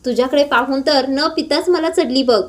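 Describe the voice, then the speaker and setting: Casting: woman reading a taunting drunk bully, high-pitched. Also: normal speed, a little mellow, lightly acted. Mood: jeering. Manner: taunting, jeering. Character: mocking drunk bully man, middle-aged.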